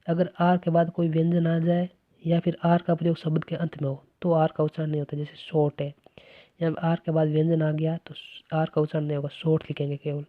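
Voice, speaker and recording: Lesson teacher, methodical explainer, flat delivery, thin phone-quality sound. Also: mid-range voice, brisk, no room sound. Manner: explains step by step with repeated "है ना" checks. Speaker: English teacher. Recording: dry, tinny phone-like recording.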